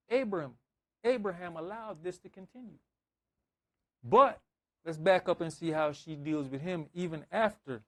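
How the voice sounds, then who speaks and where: Here a fairly high-voiced male preacher gives a conversational sermon built on scripture and anecdotes. He acts out dialogue, repeats phrases emphatically, and uses ordinary examples to drive his points home.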